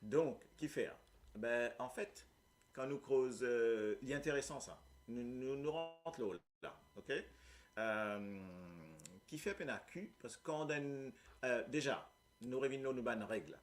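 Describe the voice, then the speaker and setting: A man's voice: medium pitch, measured pace. A man with a Mauritian accent teaching a Creole lesson, explaining patiently and often checking that his listeners follow. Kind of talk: live language lesson.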